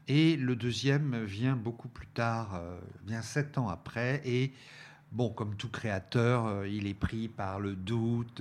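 A man reviewing DVDs on a talk show, speaking with many hesitations, fillers and restarts. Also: lowish voice. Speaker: film reviewer presenting a DVD selection. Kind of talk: radio-style review chat.

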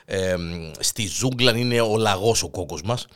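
A man with a Cypriot Greek accent telling a joke as the show's host, in an animated, rambling way. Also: fairly low pitch. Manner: animated, rambling, restarts words. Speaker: joke teller. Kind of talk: comic storytelling.

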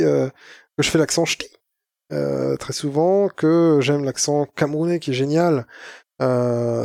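A young man chats loosely on a podcast, rambling and joking as he drifts into mock-serious musings. His voice sits a little high for a man and sounds close and dry, with no room around it. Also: creaky, darkish tone, no room sound. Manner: rambling, playful, mock-philosophical asides. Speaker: podcast co-host. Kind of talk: casual chat.

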